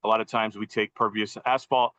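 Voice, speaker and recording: A man's voice: on the low side, little pitch movement, fairly quick, a bit bright, no echo. A man, a professional engineer, joining by video call over poor Wi-Fi, methodically walking a meeting through a site plan. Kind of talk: formal presentation at a public meeting. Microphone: computer audio on a video call. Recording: dull lo-fi video call audio, dry.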